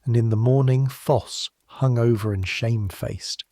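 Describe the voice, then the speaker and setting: A man calmly narrating a scripted history story for sleep, addressing the listener in measured second person. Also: mid-range voice, no echo, studio quality.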